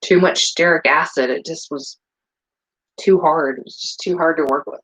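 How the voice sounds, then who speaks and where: Background noise accompanies this middle-aged New England woman, who talks at a normal pace in a low voice. A soap maker and vlogger, she chats casually and rambles, full of fillers, while making soap in her kitchen at home.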